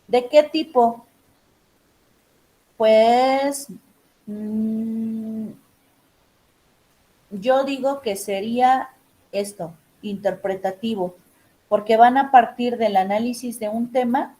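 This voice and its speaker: Emphatic woman teacher, fairly high voice. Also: dark tone, rough recording. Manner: emphatic, instructive, addresses students directly. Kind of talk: online class session.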